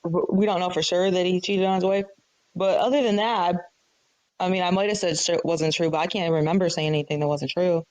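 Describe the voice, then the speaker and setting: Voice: mid-range voice, steady tone, brisk, darkish tone, dry recording, poor audio. Casual, rambling speaker on a dry line. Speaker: Clubhouse speaker. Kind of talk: casual live audio chat.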